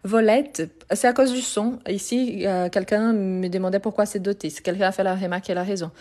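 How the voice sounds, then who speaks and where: In a live online French grammar lesson, a woman repeats and spells out every word and responds to viewers' questions. Her medium-pitched voice is steady, fairly quick and somewhat dark.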